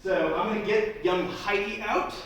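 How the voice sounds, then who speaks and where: A man's voice: sits high, moderate pace, a bit bright. A man working as a flea circus showman, giving theatrical, mock-grand patter with playful asides to a live audience. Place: live show space, heard from a distance. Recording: very echoey room, distant mic, faint noise.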